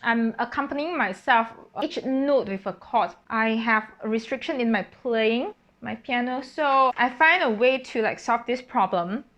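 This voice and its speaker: A singer-composer casually explains how she wrote her piece, thinking aloud with fillers and self-corrections and breaking into sung solfège syllables. Her voice is on the high side and fairly bright, and she talks at a measured pace with hardly any pauses.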